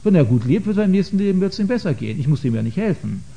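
Hesitant man lecturing, dark voice. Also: high-pitched, sing-song, rapid-fire, vocal fry. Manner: earnest, hesitant with frequent filler sounds. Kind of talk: spoken lecture to an audience. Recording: dull lo-fi recording.

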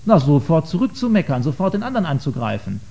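A man giving a lecture on faith to an audience, earnest and hesitant, often pausing with filler sounds. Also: a little high, sing-song, gravelly, dark tone. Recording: dull lo-fi recording.

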